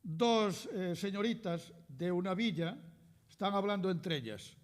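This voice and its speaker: An older man from Galicia with a Galician Spanish accent, giving a lecture as a historian and reading out cartoon captions in lively voices. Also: high-pitched, unhurried. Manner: reads captions aloud with lively quoted voices, translating as he goes. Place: lecture hall. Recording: reverberant lecture hall.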